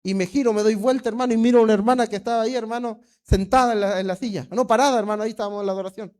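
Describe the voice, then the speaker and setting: A man's voice: high voice, steady tone, rapid-fire, a little mellow. A man with a Peruvian Spanish accent, a pastor preaching a fervent sermon and calling the congregation "hermano" again and again. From Peru.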